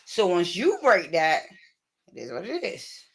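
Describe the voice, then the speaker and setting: A woman's voice: fairly low pitch, wildly swooping pitch, unhurried, gravelly, slightly rough, poor audio. A woman in her thirties talking bluntly and playfully in a casual live chat, often laughing mid-sentence. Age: 30s.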